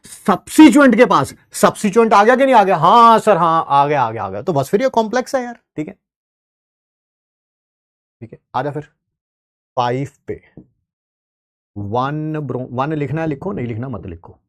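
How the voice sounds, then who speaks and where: Chem teacher guy on a live class, lively up-and-down voice, fairly high, jokey and teasing. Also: normal speed, pauses often. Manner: playful, teasing students while writing on the board. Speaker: chemistry teacher. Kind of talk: live online class, chatty explanation.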